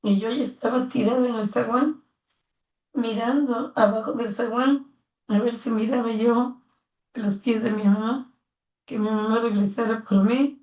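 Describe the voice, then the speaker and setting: A woman's voice: fairly high pitch, steady tone, unhurried, darkish tone. An older woman with a Mexican accent telling her own life story to her son, earnest and heartfelt, acting out remembered dialogue. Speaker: interviewee, mother of the interviewer. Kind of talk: personal life story told in conversation. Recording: roomy sound, mic at a distance.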